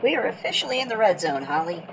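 A woman playing an eager elf field reporter in a mock radio newscast, reporting briskly and excitedly. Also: mid-range voice, lo-fi sound, slight background noise.

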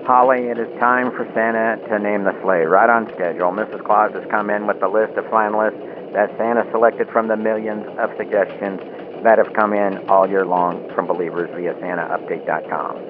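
A man plays an earnest Christmas elf reporting live in a lowish voice. His measured, explanatory delivery comes over a thin phone-like radio link with heavy noise. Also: fairly even intonation. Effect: radio link filter.

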